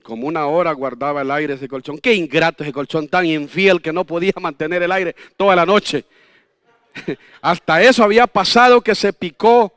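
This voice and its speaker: A man's voice: on the high side, moderate pace, a bit bright, clean tone, no echo, clean studio sound. A man in his fifties preaching a sermon as pastor, telling folksy personal stories with jokes and rhetorical questions. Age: 50s.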